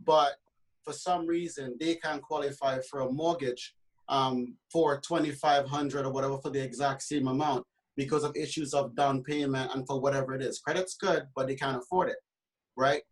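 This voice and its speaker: A man's voice: mid-range voice, steady tone, normal speed, rough recording. A man from Trinidad and Tobago who works as a realtor, speaking passionately on a panel discussion with many fillers and restarts.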